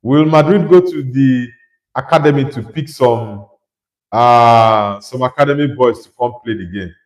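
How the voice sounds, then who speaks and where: On a poor, roomy-sounding recording, a young man from Nigeria speaks a little slowly at medium pitch. He hosts a casual football livestream, reading out what viewers write and replying with his own opinions.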